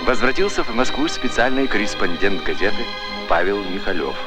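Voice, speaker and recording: A man's voice: fairly low pitch, lively intonation, brisk. A man giving formal, declamatory announcer narration in the style of an old newsreel. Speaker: documentary narrator. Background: music score.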